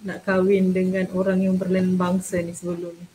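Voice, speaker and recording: A woman with a Malaysian accent informally moderating an online forum, haltingly and with English phrases mixed in. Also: lowish voice, monotone, mellow. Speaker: panel host, moderator. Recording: noisy online call.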